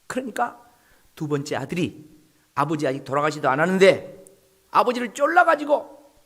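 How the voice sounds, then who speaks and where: High, animated preacher. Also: male voice, moderate pace, gravelly. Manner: dramatic storytelling, dropping to whispers, acting out characters. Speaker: pastor. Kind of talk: sermon.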